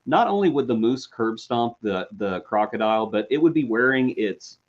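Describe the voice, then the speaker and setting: A man's voice: mid-range voice, animated, normal speed, a crowd in the background. A man co-hosting a casual chat, joking and rambling. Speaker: co-host. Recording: dull lo-fi audio.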